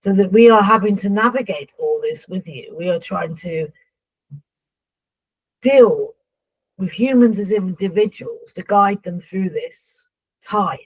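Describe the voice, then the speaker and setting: A woman speaking as a seance medium in trance, voicing a solemn, instructive spirit guide who addresses humans, with a husky voice. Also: medium pitch, measured pace, low-quality recording.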